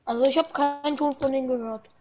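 A woman's voice: high voice, steady tone, fast, darkish tone, a little hiss or hum. A young woman casually chatting and joking with a friend while livestreaming a console game. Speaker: livestream host. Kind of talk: casual gaming stream chat.

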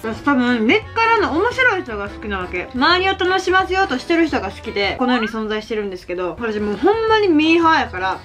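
A woman's voice: sits high, very animated, fast, few pauses, fairly bright tone. A young woman with a Kansai accent, chatting casually and giggling as she eats at the table for her vlog. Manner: chatty and giggly, self-deprecating. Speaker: vlogger. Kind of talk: casual chat while eating. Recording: background music under the voice.

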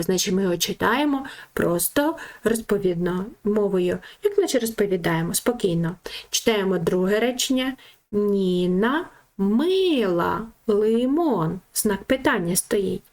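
A woman giving a children's reading lesson, sounding out syllables slowly and asking the children lively questions. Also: mid-range voice. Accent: Ukrainian. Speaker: teacher.

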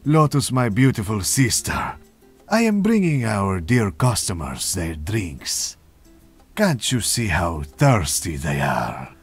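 A deep, husky barista plays the theatrical charmer, speaking slowly and lingering over every gallant phrase in a lively, swooping, heavily acted delivery. Faint game music plays beneath him.

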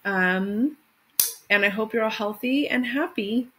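A woman in her thirties, an elementary teacher, talks to children in an expressive, simple way, like she's reading them a picture book. Her voice is on the high side, a bit bright and unhurried. The recording is rough: a home webcam in a small room with faint noise.

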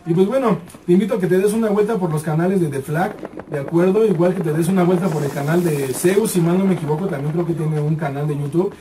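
Excitable high-voiced Mexican gamer. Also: male voice, fast talker, few pauses, recorded from a distance, slight background noise. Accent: Mexican Spanish. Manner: excitable, swearing, repeats words in bursts. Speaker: gaming YouTuber. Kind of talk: casual gameplay commentary.

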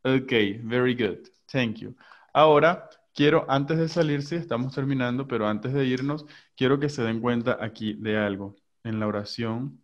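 Man teaching English over a dull call line. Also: medium pitch. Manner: switches between slow English examples and quick Spanish explanations. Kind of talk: online class.

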